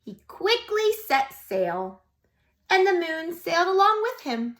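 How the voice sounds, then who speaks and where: Speaking in a very high-pitched voice, a woman preschool teacher reads a picture book to little kids with lots of expression, pausing for questions.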